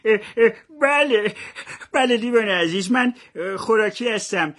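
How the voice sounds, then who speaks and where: A gentle, weepy bottle of cough syrup speaks in hesitant, sniffling phrases, as a woman acts it out. The voice sits fairly high and stays kindly even through the tears, in a storybook for children. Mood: teary.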